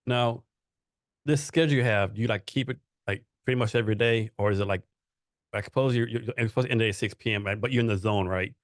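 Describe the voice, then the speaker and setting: A man's voice: on the low side, quick pace, no room sound, clean studio sound. A man hosting an interview podcast, asking loose, rambling questions full of "like" and "right?". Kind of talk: casual interview chat.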